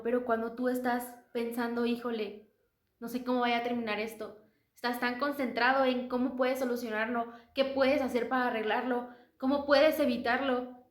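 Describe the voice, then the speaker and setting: A woman leading a casual Bible study, chatting and putting questions to the listener. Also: a little high. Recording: roomy echo.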